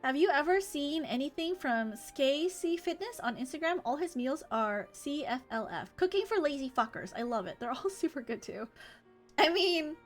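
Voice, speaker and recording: Speaking at a moderate pace in a high, expressive voice, a woman streams an online game live. Her talk is casual and meandering, mixed with reading game dialogue aloud, all over game music.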